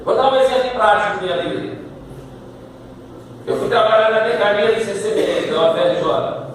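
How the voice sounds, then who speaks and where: Brazilian male preacher, high voice, far off in a reverberant church hall, animated sermon delivery. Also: fairly quick, slight background noise. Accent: Brazilian Portuguese. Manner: animated, swings from low asides to shouted climaxes. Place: church sanctuary. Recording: echoey church hall, distant mic.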